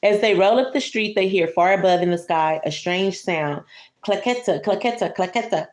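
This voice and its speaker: A woman with a mid-range, slightly mellow voice reads a picture book to a child at bedtime, speaking at normal speed in an echoey room. She keeps breaking off for casual asides, explaining the pictures and commenting to her young listener.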